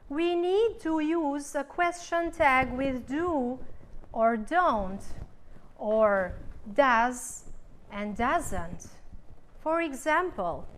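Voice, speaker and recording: A woman teaching a recorded English grammar lesson with an Albanian accent, slowly explaining rules and reading out example sentences. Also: high voice, a bit bright.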